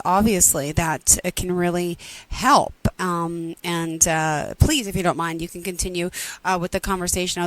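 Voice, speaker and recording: Bright-voiced woman in her forties hosting. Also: mid-range voice, dry recording, rough recording. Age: 40s. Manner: upbeat, chatty questions. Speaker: host. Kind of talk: interview.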